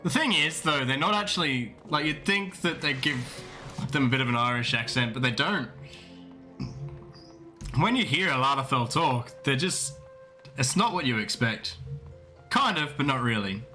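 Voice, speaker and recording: Sex: man. Role: game streamer. Style: playthrough commentary. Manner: casual, rambling, self-correcting. Timbre: bright. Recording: faint background music. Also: mid-range voice, lively intonation, moderate pace, long pauses.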